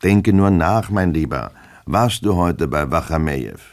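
A man's voice: expressive, measured pace, a little mellow. A man putting on a fretful, fussy old-world clerk. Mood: wheedling. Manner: anxious, shrill when scolding. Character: fretful fussy middle-aged male clerk.

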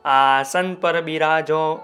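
A man voicing a sly, flattering pot-bellied man who fawns with drawn-out welcomes in a children's story. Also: on the high side. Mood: welcoming.

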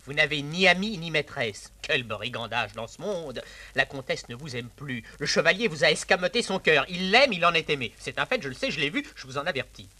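A sly, scheming valet who talks with wry relish for his own cleverness, his voice swooping up and down. The tone is bright and forceful, in the manner of a 1950s classical stage comedy. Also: fairly high pitch, expressive, fairly quick. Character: sly scheming male valet, mocking and talkative.

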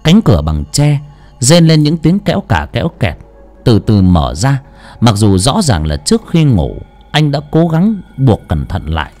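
Male audiobook storyteller, animated pitch, middle voice, expressive. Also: unhurried, faint music behind. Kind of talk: scripted audiobook narration.

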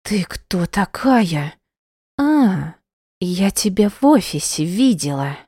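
A woman's voice: lowish voice, expressive, a little slow, no echo, clean studio sound. A woman voicing a spiteful, hissing rich wife. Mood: furious. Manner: hissing, sharp, threatening. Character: spiteful rich young wife, cold and domineering.

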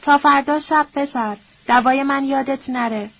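A woman's voice: high-pitched, highs cut off. A woman voicing a bitter, scornful old nobleman who curses and quotes proverbs in a sneering, coarse, grumbling way.

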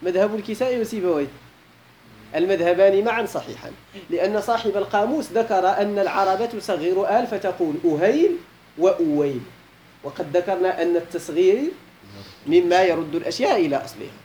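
A man's voice: high-pitched, quick pace, dark tone, slight background noise. A man with a Moroccan accent teaching a classical Arabic grammar lesson, posing questions to his students and repeating key points, with colloquial asides.

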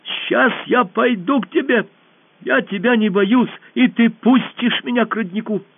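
A man voicing a brave, earnest young girl who calls out in a high, eager, insistent voice, heard over a narrow phone-like band. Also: measured pace, husky, dry recording, heavily acted.

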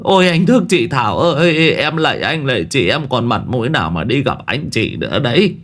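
A man's voice: very animated, rapid-fire, darkish tone. A man voicing a panicked old village man who wails, pleads and then scolds. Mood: wailing panic. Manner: wailing, pleading, pitch leaping high.

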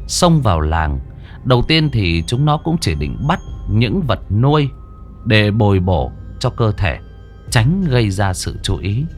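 Dramatic low-voiced horror storyteller man. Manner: dramatic, expressive.

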